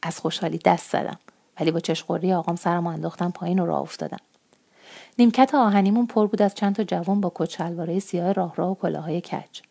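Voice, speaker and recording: A woman author reading her own first-person short story aloud in a slow, soft-spoken, intimate way. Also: on the low side, vocal fry.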